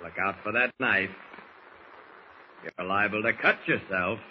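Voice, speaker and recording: An actor playing a confident superhero in an old radio serial, taunting with mocking banter. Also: male voice, fairly low pitch, a little slow, close to an everyday voice. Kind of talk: 1940s radio serial acting. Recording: muffled, noisy old radio recording.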